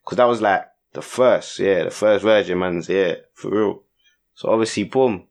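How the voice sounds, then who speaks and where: A man's voice: low voice, moderate pace, vocal fry. A young man with a London accent telling a story in casual chat, heavy on street slang and tag questions. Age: young adult.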